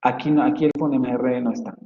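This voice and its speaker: A male phonetics professor gives a casual university lecture, thinking aloud and explaining with examples, with frequent fillers and restarts. His mid-range voice moves fast with fairly even intonation. The audio is dull, roomy and reverberant lo-fi.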